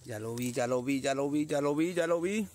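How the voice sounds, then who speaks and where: A man talks his way through an outdoor metal detecting outing, chatty and friendly toward the viewers he keeps addressing. His voice sits at an ordinary middle pitch. Faint outdoor ambience plays behind him. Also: brisk, a little mellow, slight background noise. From Colombia. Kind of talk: casual outdoor vlog narration. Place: outdoors in nature.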